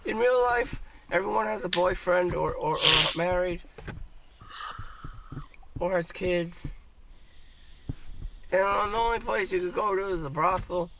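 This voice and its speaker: A man's voice: sits high, measured pace, creaky, pauses often. A man from the United States ranting on a livestream in a profane, rambling way that keeps repeating itself, recorded on a distant mic with faint noise behind. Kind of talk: casual ranting monologue.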